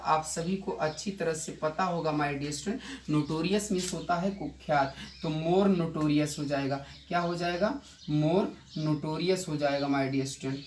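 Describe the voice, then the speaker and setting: Teacher quizzing students in an echoey room. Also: male voice, fairly high pitch. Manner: repetitive, quizzes students with rhetorical questions. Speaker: English grammar teacher. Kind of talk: Hindi classroom grammar lesson. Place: coaching institute classroom. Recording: echoey room, distant mic, faint noise.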